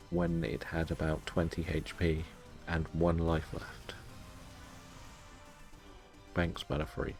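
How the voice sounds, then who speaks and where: Low-voiced, low-key male game streamer. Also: vocal fry, a little mellow. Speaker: live-streaming gamer. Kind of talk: casual game stream commentary, chatting with viewers.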